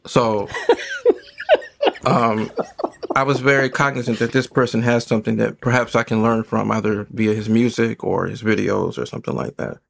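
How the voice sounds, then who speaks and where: A man's voice: lowish voice, fairly even intonation, brisk, vocal fry, fairly bright tone. A man speaking casually as an interview guest and music fan.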